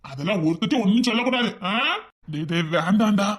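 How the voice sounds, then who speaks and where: A doting, gentle grandfather, played by a woman, who coaxes and pleads with the children. The voice is mid-pitched and her own, and she talks fast. It is a comic family skit. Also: lively intonation, noisy background, natural voice. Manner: quick, coaxing endearments.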